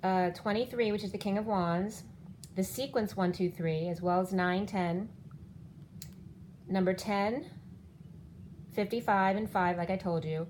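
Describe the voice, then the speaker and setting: Card by card, a woman in her fifties wanders through a spiritual tarot reading while her failing voice keeps cutting out. Her tone is medium-pitched and a little mellow, her pace measured with long pauses, over slight background noise.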